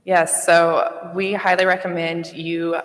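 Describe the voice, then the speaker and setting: A woman's voice: on the low side, level tone, slow pace. A woman speaking as a panelist, explaining earnestly in a large echoey room. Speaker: utility representative on a panel. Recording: echoey hall with long reverb.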